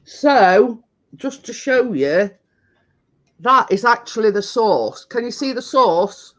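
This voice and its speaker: A woman hosting a home baking live stream talks in an easygoing, unhurried way. She circles back and repeats herself as she explains. Her delivery is loose and chatty. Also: fairly high pitch, animated. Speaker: baking show co-host. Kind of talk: casual live-stream chat.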